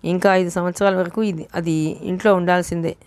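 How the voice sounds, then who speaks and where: A woman's voice: fairly low pitch, fairly even intonation, a little fast, a little mellow, no room sound, natural voice. Woman doing a harsh, cruel mistress in a storybook. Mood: scolding. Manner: scolding, threatening. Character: harsh, cruel woman who exploits orphans.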